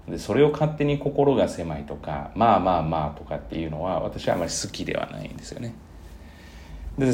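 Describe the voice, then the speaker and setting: A man with a very low, gravelly voice talks loosely through his thoughts on his own podcast, circling back often with fillers and self-corrections. A faint hiss of noise sits under the recording. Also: darkish tone. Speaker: cram school teacher, podcast host. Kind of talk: relaxed solo podcast monologue.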